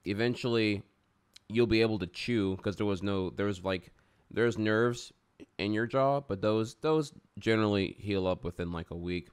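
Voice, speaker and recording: A man with a sore, stiff jaw after wisdom tooth surgery, chatting casually and frankly in a rambling, halting way with some swearing. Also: on the low side, clear, resonant tone. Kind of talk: casual unscripted chat to an audience.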